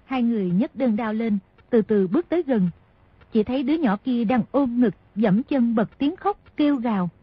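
A woman reads a martial-arts novel aloud in a steady storytelling manner. Her voice is very breathy and raspy, a touch high, and sounds dry and close. The audio is dull and lo-fi. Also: moderate pace, dry recording. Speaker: narrator.

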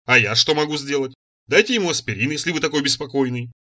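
A man's voice: mid-range voice, fast, pushed and bright. A man reading an audiobook, voicing a brusque, indifferent male medic on the phone. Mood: curt. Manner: brusque, clipped.

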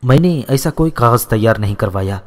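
A man's voice: mid-range voice, close to an everyday voice. A man voicing a young landlord's son who answers his father firmly and steadily, in a storybook reading with a long reverb. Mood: defiant. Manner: firm, steady, unshaken.

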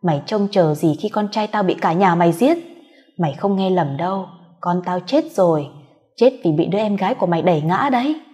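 A woman's voice: mid-range voice, expressive, brisk, a little mellow, faint music behind, natural voice. A woman voicing a bitter, vengeful wife who speaks with cold contempt. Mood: furious. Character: bitter vengeful wife grieving her son.

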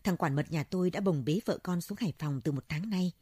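A woman's voice: lowish voice, fairly quick, warm tone, husky, no echo, studio quality. A woman reading the part of an anxious elderly landowner who speaks deferentially to a monk, asking for advice. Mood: worried. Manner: pleading, deferential. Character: old wealthy landowner, anxious, respectful to monk.

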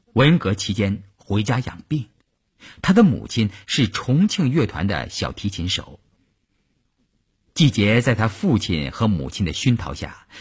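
A man reading an audiobook with animated storytelling. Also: on the low side, slightly rough. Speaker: narrator. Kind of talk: audiobook narration.

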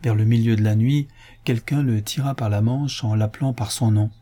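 A man narrating a classic novel in a measured literary reading. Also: medium pitch, fairly even intonation, mellow. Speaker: audiobook narrator. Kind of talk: scripted narration.

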